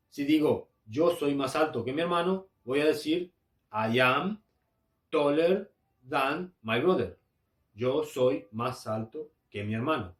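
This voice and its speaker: A man from Argentina teaching an English grammar lesson, hesitant and repeating himself often, with frequent filler sounds. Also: on the high side. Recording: echoey room.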